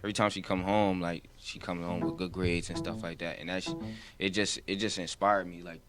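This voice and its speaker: Over music, a New Jersey rapper in his twenties chats loosely as an interview guest, drifting from point to point and tossing in "you feel what I'm saying." He speaks low, flat, and a little fast, with a voice that comes across as older than he is.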